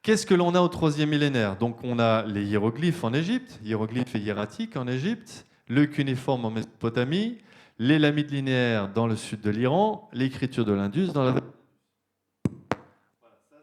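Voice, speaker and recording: A man's voice: medium pitch, big pitch swings, a little slow. A man, an archaeologist, giving a public lecture, explaining step by step with frequent fillers and questions to the audience. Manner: explanatory, many fillers like euh and hein, addresses audience directly. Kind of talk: university lecture. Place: lecture hall.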